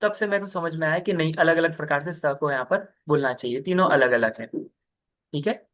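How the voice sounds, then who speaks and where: Over a video call, a young man leads a scripture lesson in a slightly high, somewhat bright voice at a fairly quick pace. He is patient, breaks things down one step at a time, and regularly checks in with the class with a frequent "ठीक है".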